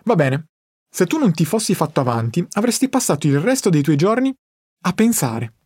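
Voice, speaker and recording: A man's voice: sits high, sing-song, normal speed, darkish tone, breathy edge, dry recording, studio quality, heavily acted. A man voicing a patient wise old teacher. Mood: patient teaching. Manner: patient, instructive. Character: calm wise older male teacher. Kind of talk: audiobook character reading.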